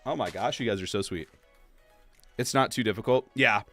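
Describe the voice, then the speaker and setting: A young man chatting casually on a game livestream, answering viewers and filling pauses with "like" and "uh". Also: fairly low pitch, fairly bright tone, soft background music. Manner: chatty, reads and answers chat, many fillers. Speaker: streamer. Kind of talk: casual livestream chat while playing.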